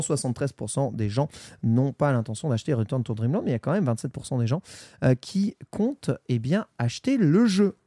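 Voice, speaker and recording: A man's voice: medium pitch, mellow, no room sound, studio quality. Chatty man hosting a gaming podcast. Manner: chatty, reads chat and questions, playful mock indignation. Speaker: podcast host. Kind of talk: casual gaming podcast chat.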